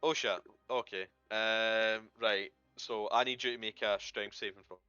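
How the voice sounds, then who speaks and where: A man's voice: on the low side, steady tone, unhurried, bright, forceful tone, smooth, no echo, highs cut off, soft background music. A man running a tabletop game, thinking aloud and swearing casually. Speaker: game master.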